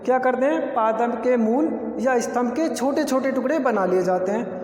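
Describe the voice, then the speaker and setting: High-voiced man teaching biology, echoey room. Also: moderate pace, darkish tone. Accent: Rajasthani Hindi. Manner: explains step by step, asks and answers his own questions. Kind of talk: classroom lecture. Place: classroom with a board. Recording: echoey room with long reverb.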